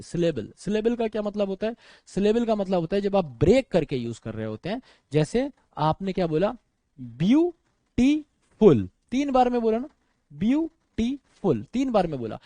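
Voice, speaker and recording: Animated young man lecturing on grammar. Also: high-pitched, no echo. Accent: Indian English. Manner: animated, addresses students as friends and brother, mixes English into speech. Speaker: English teacher. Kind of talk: exam-prep grammar lecture.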